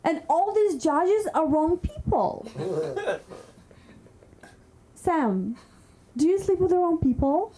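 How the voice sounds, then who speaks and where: A woman's voice: extremely high pitch, very animated, slow pace, long pauses, warm tone, a little hiss or hum, poor audio. A woman from Kazakhstan with a Kazakh accent performing stand-up in a comedy club, teasing the crowd.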